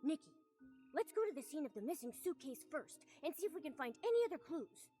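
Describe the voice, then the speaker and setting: A woman voicing a small, excitable talking cat companion in a video game, with an indignant, exclamatory manner. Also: high-pitched, quick pace. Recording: game audio with faint music.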